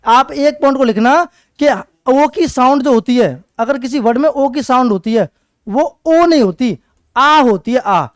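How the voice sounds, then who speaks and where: High-voiced male teacher drilling basics. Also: unhurried, no echo. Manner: repetitive call-and-response drilling; writes on a board while explaining. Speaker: English teacher. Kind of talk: exam-prep classroom lecture.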